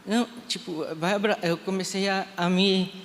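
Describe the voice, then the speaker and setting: A Brazilian pastor in his thirties shares a heartfelt testimony at a live church service, acting out each exchange he remembers. His fairly bright voice sits a bit high for a man, with a steady tone and normal speed. It rings through a reverberant sanctuary over faint room noise.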